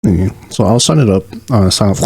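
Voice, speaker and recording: A man's voice: lowish voice, warm tone, breathy edge, dry recording. A man co-hosting a casual podcast, laid-back and dryly joking. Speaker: podcast co-host.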